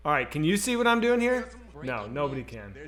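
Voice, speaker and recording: A man's voice: a little high, brisk. A man with a nasal voice co-hosting a casual live stream, swearing freely and fumbling with the tech as he chats. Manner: profane, animated, fumbling with tech. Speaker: co-host.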